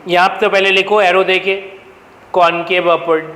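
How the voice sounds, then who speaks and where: A man's voice: high voice, flat delivery, moderate pace, bright, forceful tone, roomy sound, big-room sound, low-quality recording. A man teaching a math class, firing questions at his students and answering them himself, with an Indian accent. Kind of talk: classroom lecture.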